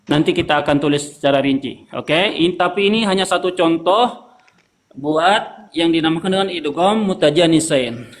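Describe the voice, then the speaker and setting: A man's voice: fairly high pitch, moderate pace. A man teaching Quran recitation rules, patiently repeating terms and asking students to read aloud. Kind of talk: online tajwid lesson.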